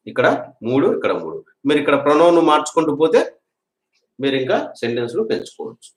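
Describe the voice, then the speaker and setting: A man teaching a spoken English grammar lesson, patiently repeating example sentences slowly for learners to drill. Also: mid-range voice. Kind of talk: classroom-style grammar lesson. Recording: echoey room.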